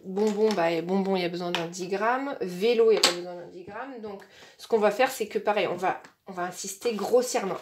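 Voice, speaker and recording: Woman, casual teacher type, chatty instructional explainer with hesitations; slows for demonstrations. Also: mid-range voice, background noise. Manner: chatty with frequent fillers and repeated words; slows down and stretches words when demonstrating to a child. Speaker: teacher explaining a reading method for young children.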